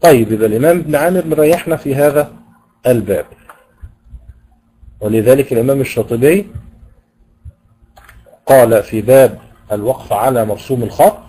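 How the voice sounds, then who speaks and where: A man with an Egyptian Arabic accent gives a university lecture on Quranic recitation, explaining slowly and pausing with hesitation sounds. His mid-range voice is dark with a breathy edge, and the audio quality is poor.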